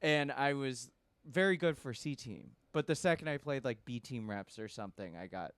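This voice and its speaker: A man's voice: mid-range voice, lively intonation, normal speed, smooth, no echo. A young man from Texas, a comedian guest chatting casually and laughing easily. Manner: easygoing, laughing, filler-heavy. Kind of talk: casual interview chat.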